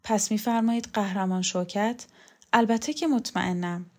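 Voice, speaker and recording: A frail old lady, bedridden but proud, speaks in a quiet, weary and dry way, as a woman reads her part. Her voice sits at a middling pitch for a woman, soft and tired. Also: lightly acted.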